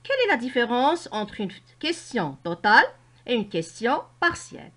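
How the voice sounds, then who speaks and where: A woman teacher with a Moroccan French accent, explaining a grammar lesson to children slowly and with careful articulation. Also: fairly high pitch, very animated, a bit bright. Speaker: primary school teacher.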